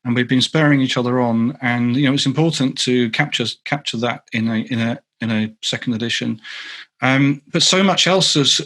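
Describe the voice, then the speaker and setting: North London male author on a video call, mid-pitch, loose rambling Q&A delivery. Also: a bit bright. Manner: rambling, self-correcting, lots of ums. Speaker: guest speaker, author. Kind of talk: online meetup Q&A answer.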